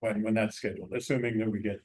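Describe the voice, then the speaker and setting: A man's voice: fairly low pitch, flat delivery, fast talker, darkish tone. A man giving informal safety announcements at a community meeting.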